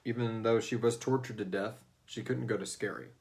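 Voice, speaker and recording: A man speaks fairly quickly in a lowish, darkish voice with a steady tone. He's hosting a fan Q&A show, where he swears, jokes around, and informally answers questions from listeners.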